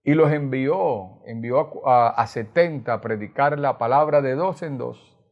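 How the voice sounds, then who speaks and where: A man's voice: medium pitch, a little slow, dull audio. A man from Colombia with a Colombian Caribbean accent, preaching a sermon as pastor, earnestly retelling scripture with tag questions. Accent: Colombian Caribbean Spanish.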